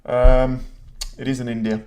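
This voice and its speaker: A talkative man hosting a live stream, chatting loosely between commentary and viewer comments. He answers the chat directly and pokes fun at himself as he goes. His pitch sits in an ordinary middle range for a man. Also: flat delivery, a little slow, mellow. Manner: self-deprecating, rambling asides.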